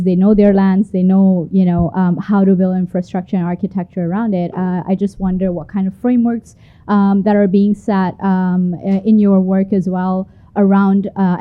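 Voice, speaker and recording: A woman's voice: medium pitch, narrow, tinny audio. A woman from Malaysia, a community leader, asking an earnest, searching question from the audience with frequent fillers.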